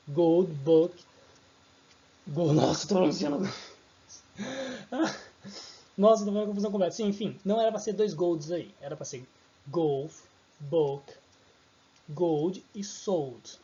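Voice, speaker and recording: Male teacher, mellow voice, relaxed self-correcting delivery, dull lo-fi recording. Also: fairly high pitch. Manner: informal, self-correcting, apologizes for slips. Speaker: English teacher. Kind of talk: recorded online lesson.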